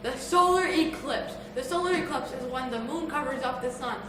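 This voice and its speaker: A woman's voice: sits high, normal speed. A seventh-grade girl presenting as a parody news anchor with scripted lines. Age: young adolescent, about 12 to 13. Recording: noisy, echoey room, distant mic.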